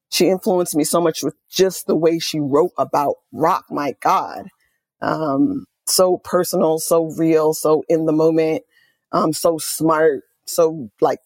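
A middle-aged woman from Oakland, California, who works as an author and music journalist, talks in a low-pitched voice, recorded with no echo. In this conversational interview she tells stories with animated enthusiasm and quoted asides.

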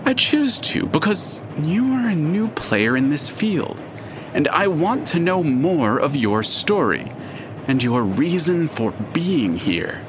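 A man's voice: fairly high pitch, noisy background. A man playing a wry, theatrical narrator character who speaks in an arch, pompous manner in an audio drama.

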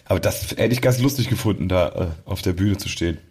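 A podcast host chats casually about music, rambling a little and correcting himself mid-sentence. His low voice is quick, a little mellow, with a breathy edge.

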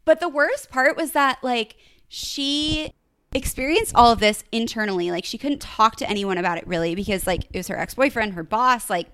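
A woman's voice: fairly high pitch, moderate pace, fairly bright tone, smooth, dry recording. Chatty young woman, dry close sound. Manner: chatty, fills speech with "like". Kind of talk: casual chat, retelling a story.

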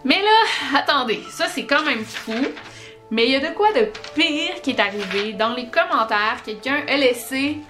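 A woman with a Québécois accent, hosting a podcast and telling paranormal stories in an animated, chatty way. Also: high voice, moderate pace, faint music behind. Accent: Québécois French. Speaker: podcast host.

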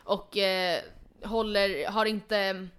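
A woman's voice: medium pitch, little pitch movement, a bit bright, smooth. A woman hosting a casual chat podcast, talking in a chatty way with frequent fillers and restarts. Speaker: podcast host.

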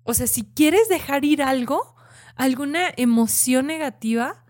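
A woman in casual conversation telling an animated personal story, full of fillers and restarts. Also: sits high, a little slow. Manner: animated, many "o sea" fillers.

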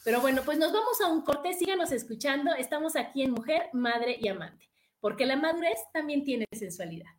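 A woman with a Mexican accent hosts a talk show and gives advice like a therapist. She speaks high and lively, repeating phrases and checking in with "¿no?". The studio sound is roomy and echoey. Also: fairly quick. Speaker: radio show host and therapist.

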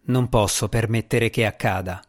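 A man's voice: on the low side, steady tone, moderate pace, close to an everyday voice. A man voicing a determined, stern young woman in an audiobook, speaking firmly and urgently. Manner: firm, pressing delivery. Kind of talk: audiobook character reading.

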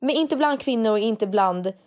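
Young woman, casual co-host, animated storyteller, code-switching. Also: on the high side. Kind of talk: casual chat.

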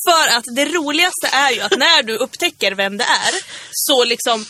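A woman podcaster with a hoarse voice, talking fast and loosely in a casual chat. Her tone is bright and pushed forward, and the sound is dry with no room around it. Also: high-pitched, lively intonation, no echo. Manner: quick, chatty, bursts into laughter. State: hoarse from laughing. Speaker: podcast co-host.

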